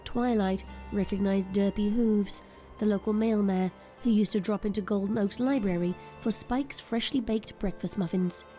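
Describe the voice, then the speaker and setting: With a warm, dark-toned voice of medium pitch, a woman narrates an audio drama at a moderate pace. Her scripted delivery is dramatic storytelling, and faint music plays underneath.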